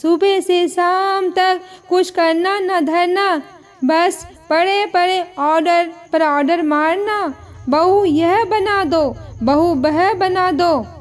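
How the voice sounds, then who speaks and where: A woman voicing an angry, scolding young daughter-in-law who shouts bitter accusations in a storybook tale. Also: sits high, slow pace.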